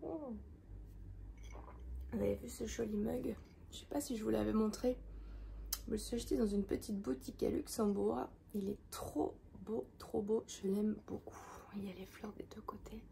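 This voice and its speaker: A woman talks casually about her crafts and reading, wandering from thought to thought with frequent hesitations. Her mid-pitched voice has a gravelly edge, and a faint hiss sits under the recording. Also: steady tone, moderate pace, mellow. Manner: rambling, many hesitations. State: hoarse from a head cold. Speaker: craft vlogger. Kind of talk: casual chat. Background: washing machine running.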